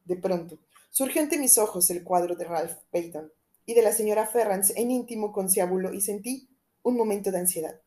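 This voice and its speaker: A woman narrating a novel aloud in a steady, measured storytelling voice. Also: mid-range voice. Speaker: audiobook narrator.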